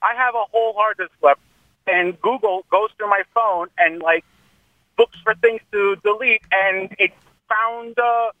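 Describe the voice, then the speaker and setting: A high-voiced man calls in to a talk radio show, his choppy phone line breaking up as he speaks. The sound is dull and dry, and he rambles along casually with plenty of ums and likes. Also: unhurried, no room sound. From Queens, New York. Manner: rambling, hesitant with many fillers. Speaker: caller. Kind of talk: casual call-in chat.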